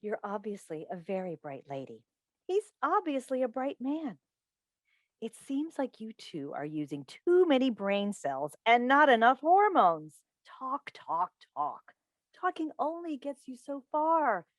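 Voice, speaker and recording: Recorded indoors over a video call with no room sound, a woman performs in a staged play reading as a chatty, coaxing radio call-in host and a doting, meddling mother. Her high-leaning voice is very animated, with an emphatic theatrical delivery at a measured pace and a coaxing, teasing mood.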